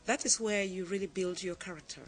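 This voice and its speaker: A woman from Cameroon in her forties, a guest on a TV interview who answers in a measured, reflective way and laughs easily. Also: mid-range voice, faint music behind, low-quality recording.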